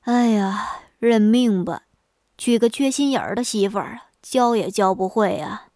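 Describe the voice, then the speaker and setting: A woman voicing a talkative, easily impressed scholar husband in a storybook tale, speaking a little lower. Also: measured pace, warm tone, natural voice. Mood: resigned.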